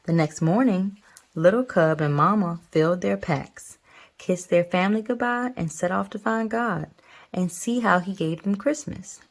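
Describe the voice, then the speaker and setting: Lower-voiced woman reading a picture book. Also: normal speed. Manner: encouraging, explains things to child. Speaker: mother reading aloud to her young child. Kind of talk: picture-book read-aloud with casual chat.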